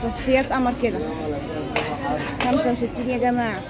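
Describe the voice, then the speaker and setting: A woman's voice: on the high side, steady tone, brisk. An Egyptian woman vlogging casually through a market, asking vendors prices like a haggling shopper and repeating them to her viewers. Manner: asks vendors prices, haggling-style chat in an Arabic market. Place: crowded outdoor street market. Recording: loud busy street market crowd.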